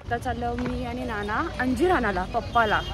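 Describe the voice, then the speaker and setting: A woman with an Aagri Marathi accent, chatting casually for her vlog and calling out to family members in a lively, coaxing way. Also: a little high, moderate pace, music in the background. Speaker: vlogger. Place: outdoors at a crowded temple festival. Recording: noisy outdoor phone recording with crowd.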